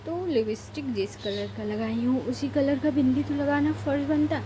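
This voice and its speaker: A child can be heard crying and shouting as a young woman vlogs at home in her bedroom, rambling cozily through her get-ready-with-me routine and often correcting herself mid-sentence. She speaks in a high voice at normal speed against a noisy background.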